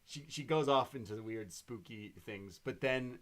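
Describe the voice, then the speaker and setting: A man co-hosting a wrestling podcast, retelling a show in quick, animated play-by-play. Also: medium pitch. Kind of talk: casual show recap chat.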